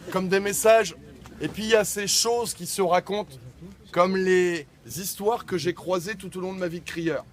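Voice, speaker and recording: A man's voice: high voice, a bit bright. A man working as a town crier, theatrically declaiming messages and stories to a crowd in a playful, projected street-performer delivery. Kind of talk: theatrical public crying and storytelling to a crowd. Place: crowded school gathering. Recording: crowd chatter, live at a distance.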